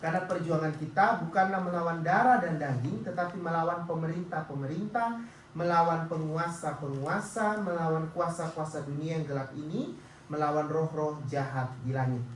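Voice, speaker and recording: A woman's voice: low voice, brisk. A woman with an Indonesian accent preaching emphatically in short phrases for interpretation, heard from a distance in a cathedral-like echo. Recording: echoing cathedral-like hall, distant mic, faint noise.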